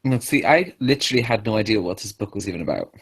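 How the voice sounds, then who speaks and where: Low-key guy chatting about a book over a video call. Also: animated, fast, breathy edge. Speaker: guest of a book discussion. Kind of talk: casual chat.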